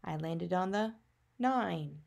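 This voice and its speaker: A woman's voice: fairly low pitch, expressive, takes it slowly, vocal fry, a little mellow. A woman teacher narrating a maths lesson for young children, patiently teaching a child to count step by step with simple questions and answers.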